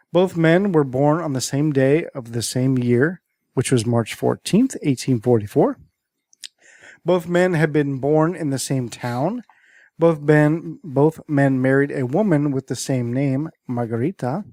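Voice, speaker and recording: A man's voice: a little high, measured pace, a little mellow, dry recording, clean studio sound. A man hosting a podcast and reading out a list of strange stories in a casual way, now and then tripping over names; his first language is Greek. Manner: storytelling, stumbles over names and words. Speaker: podcast host presenting a list.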